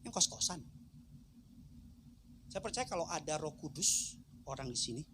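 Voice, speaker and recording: A male pastor preaching, swinging from loud shouted exclamations to soft, hushed storytelling. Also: fairly high pitch, very animated, moderate pace, noisy background. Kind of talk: sermon. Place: church, online service.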